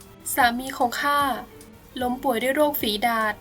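A woman's voice: high voice, steady tone, measured pace, a bit bright, soft background music. A woman voicing a poor, desperate mother in a bedtime storybook, who begs and pleads through tears. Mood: pleading. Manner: begging, tearful, polite.

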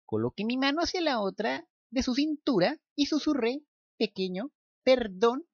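A man narrating a first-person romance story, bursting into frantic, high inner monologue. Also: animated, normal speed, dry recording. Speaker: story reader. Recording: dull, dry lo-fi recording.

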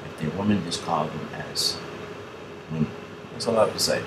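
A man's voice: deep voice, fairly quick, roomy sound, background noise. A young man hosting a casual reaction video. He rambles, swears freely and laughs often.

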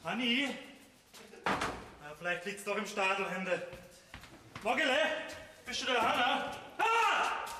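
An actor with a Swabian accent playing an excitable, jealous man in a stage folk comedy. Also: high-pitched, takes it slowly, pauses often, very noisy. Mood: panicked. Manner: agitated, ranting, theatrical outbursts. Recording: roomy stage sound from a distance.

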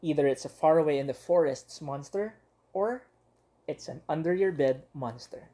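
A woman teacher reads a children's picture book aloud with lively expression and dramatic pauses. Her voice sits slightly low and has a warm, mellow tone. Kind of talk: storybook read-aloud for young children.

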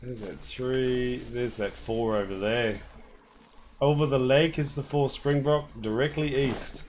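A man from New Zealand streaming a hunting game, talking casually and relaxed with some "uh" fillers. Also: medium pitch, unhurried, slight background noise. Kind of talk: casual gameplay commentary.

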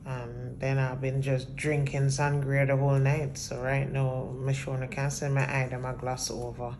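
Low, gravelly-voiced woman vlogging casually. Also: moderate pace, slight background noise. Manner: chatty, relaxed, direct address to viewers. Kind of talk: casual vlog talk to camera. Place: apartment indoors. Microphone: phone at arm's length.

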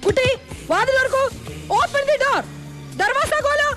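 Shrill, bossy policewoman, extremely high. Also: slow pace, over loud music. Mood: commanding. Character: bossy, bumbling female police officer, deferential to her boss. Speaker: actor in a film. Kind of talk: film comedy acting.

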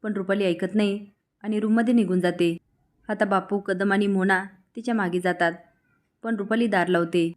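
A woman recapping a TV serial episode, narrating in a steady, plain reading voice. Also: medium pitch, moderate pace.

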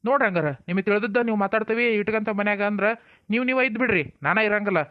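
A man acting out an irritated village husband with a North Karnataka Kannada accent, scolding in quick, curt bursts. His voice runs high and quick, recorded dry and slightly dull. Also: no echo, lightly acted. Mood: stern. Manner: scolding, curt rustic talk. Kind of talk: comic village family drama.

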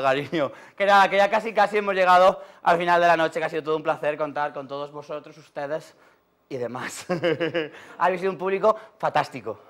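A man's voice: fairly high pitch, a bit bright. A man with a Cantabrian Spanish accent hosting a comedy show on stage in a female persona, teasing and chatting with the audience. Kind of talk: campy stage banter with audience. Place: TV studio stage with live audience.

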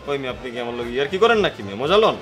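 An actor playing an indignant pharmacist who argues with a customer in gruff slang. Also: male voice, mid-range voice, big pitch swings, racing, over music, close to an everyday voice. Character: fed-up male pharmacist arguing with a customer.

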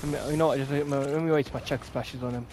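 A young man, giving chatty, casual commentary on his own gameplay and getting quickly annoyed when things go wrong. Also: mid-range voice, very noisy. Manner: excitable, easily annoyed, chatty. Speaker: gameplay streamer. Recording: game music loud in background. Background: loud game music.

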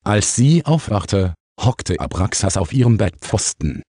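A man narrating a children's audiobook in a calm storytelling manner. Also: on the low side, unhurried, slightly rough, no room sound, studio quality. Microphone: close studio mic, dry.

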